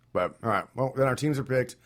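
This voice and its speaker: Easygoing male podcast host, casual, giggly, reading off results. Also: medium pitch. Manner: laughs often, reads off results loosely. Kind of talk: casual chat about fight results.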